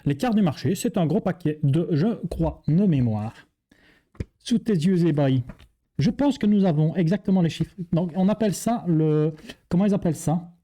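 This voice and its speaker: A man's voice: on the high side, lively intonation, normal speed, dark tone. A man with a Belgian French accent, presenting a board game in a chatty, joking way and talking straight to the viewer. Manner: jokey, chatty, addresses viewer as tu.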